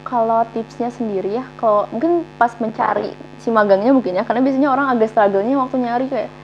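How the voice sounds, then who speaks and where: Young woman guest, quick casual talker, dull recording with faint hum. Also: on the high side. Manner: chatty, many fillers. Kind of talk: casual chat.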